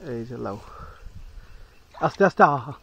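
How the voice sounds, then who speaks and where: A man's voice: mid-range voice, measured pace, fairly bright tone, husky, no echo, dull audio. A young man chatting casually to viewers in a family vlog outdoors at a rural home, coaxing his small son along the way. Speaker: family vlogger.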